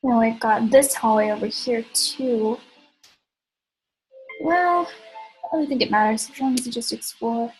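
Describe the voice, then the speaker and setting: A woman's voice: fairly high pitch, measured pace, pauses often, faint music behind, low-quality recording. A woman hosting a let's play, chatting as she plays, thinking aloud, and tossing in sarcastic asides. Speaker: gaming channel host.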